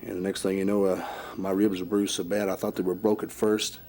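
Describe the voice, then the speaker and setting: A male wrestler answering interview questions haltingly, often repeating his words. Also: sits low, flat delivery, mellow, a little hiss or hum. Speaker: wrestler guest.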